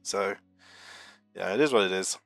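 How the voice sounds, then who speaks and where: Still getting over a flu, this young British streamer rambles chattily and mocks himself while reading chat messages on his marble racing live stream. His voice is low, a bit bright, and has vocal fry, at a normal speed with no echo and faint music in the background.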